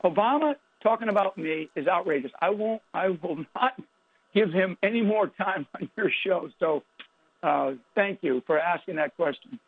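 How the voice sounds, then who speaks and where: A man speaking as an interview guest over a phone line, halting and emphatic, with many restarts. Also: sits high, expressive, gravelly, no echo. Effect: heard over a phone line. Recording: tinny dry phone line.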